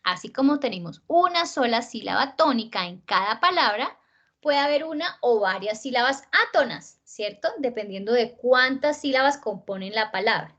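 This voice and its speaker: A woman teacher with a Colombian accent giving an online spelling lesson, slowing down to stress words and often checking in with her listeners. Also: on the high side, lively intonation, fairly bright tone. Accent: Colombian Spanish.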